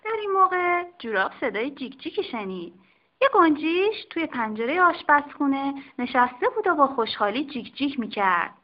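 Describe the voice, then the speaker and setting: A woman reading a children's storybook aloud in an expressive, sing-song manner, on a dull lo-fi recording. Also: high-pitched. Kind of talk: storybook narration.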